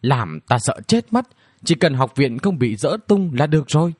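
A man's voice: a little high, big pitch swings, moderate pace, darkish tone, dry recording, clean studio sound. A man voicing a bratty, mischievous young girl princess who taunts and whines in a cheeky way. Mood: frightened. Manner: cheeky, whiny, provocative.

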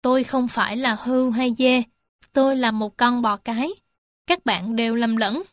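A woman voicing a patient female cow in a children's storybook, speaking gently. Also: fairly high pitch, steady tone, moderate pace, no room sound, clean studio sound, close to an everyday voice. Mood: calm.

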